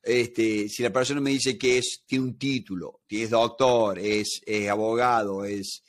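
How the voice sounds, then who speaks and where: A man's voice: on the low side, fairly even intonation, a little slow, a little hiss or hum. Rioplatense male guest, negotiation expert, explanatory interview talk built on everyday examples. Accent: Rioplatense Spanish. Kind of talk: conversational interview.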